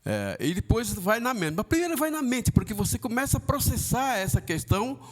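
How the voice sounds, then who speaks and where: A Brazilian man teaching Sunday school in a fairly high voice that rises and falls widely. He talks haltingly, full of fillers and tag questions, and now and then acts out the voices of the people he quotes. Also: big pitch swings. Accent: Brazilian Portuguese. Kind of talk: church Bible lesson.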